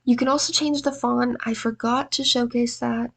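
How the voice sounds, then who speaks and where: On the high side and gravelly, her voice keeps a moderate pace and fairly even intonation. She narrates a video editing tutorial casually and self-deprecatingly, sounding exhausted and congested from allergies.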